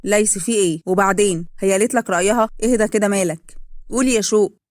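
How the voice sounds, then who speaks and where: A woman voicing a calm, fatherly man with an Egyptian accent, speaking in a soothing, reasonable way. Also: sits high, fast talker, no echo, studio quality, lightly acted. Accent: Egyptian Arabic. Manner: calming, reasonable. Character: calm fatherly older man, head of house.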